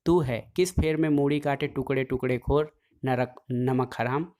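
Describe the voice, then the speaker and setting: A man's voice: medium pitch, steady tone, moderate pace, darkish tone, close to an everyday voice. Dhaniya, a fiery, defiant village wife, voiced by a man reading a storybook aloud. She scolds and hurls her words in a heated rush, never backing down. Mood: angry defiance. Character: angry village woman, sharp-tongued and defiant.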